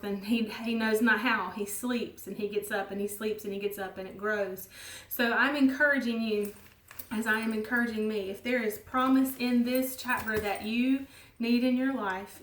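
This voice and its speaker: A woman giving an earnest, gentle devotional teaching, at times dropping her voice very low. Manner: gentle and earnest, soft laughs, drops to near whisper. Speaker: ministry leader. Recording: roomy sound from a distance.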